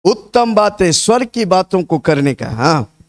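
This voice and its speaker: A fervent male preacher with a notably high voice for a man, pacing his sermon through vivid repeated storytelling. He keeps urging the congregation to repeat his words back, building a rousing call-and-response. Energetic and insistent. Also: normal speed. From India. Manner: storytelling with repetition.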